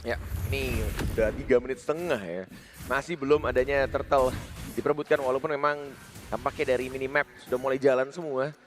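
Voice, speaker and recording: A man's voice: medium pitch, fairly even intonation, fairly quick, soft background music. An Indonesian man giving live game commentary as an esports caster.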